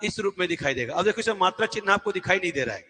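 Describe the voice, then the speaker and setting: A man's voice: sits high, expressive, racing, sharp tone, long reverb tail. A man teaching an exam-prep lesson at a board, asking questions and answering them himself and repeating key words. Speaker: Hindi teacher.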